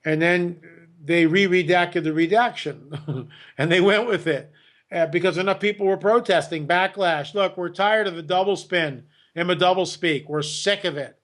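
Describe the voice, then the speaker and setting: Emphatic man with a high voice. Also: normal speed, a bit bright. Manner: emphatic, repeats words, mimics others mockingly. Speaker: podcast guest. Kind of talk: opinionated podcast talk.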